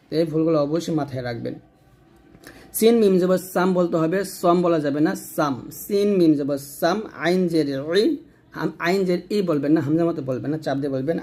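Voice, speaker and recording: A man with a somewhat high-pitched voice gives a careful recitation lesson. He breaks words into letters and vowel marks, stretching syllables and repeating them. His manner stays patient and instructive throughout. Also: a little mellow. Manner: patient, repeats syllables slowly, drawing out sounds. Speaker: Quran recitation teacher. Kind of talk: slow letter-by-letter pronunciation lesson.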